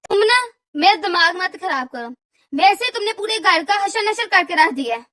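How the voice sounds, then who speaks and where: Weary young daughter-in-law, cartoon, very high bright voice, a bit off-mic. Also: female voice, animated, normal speed, no echo, far from the mic, heavily acted. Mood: exasperated. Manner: pleading, exasperated explaining. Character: put-upon young daughter-in-law, reasoning and tired. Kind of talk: cartoon voice acting.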